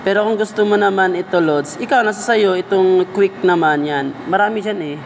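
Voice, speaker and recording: High and brisk, this man's voice comes with a little hiss or hum. He has a Filipino accent and teaches video editing step by step in a laid-back way, treating the viewer as a buddy.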